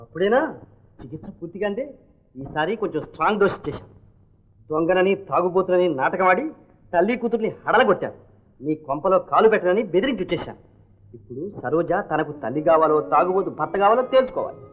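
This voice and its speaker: An actor playing a calm young husband who explains his scheme reassuringly, in 1960s film acting on a thin, tinny old soundtrack. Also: high voice, fast talker.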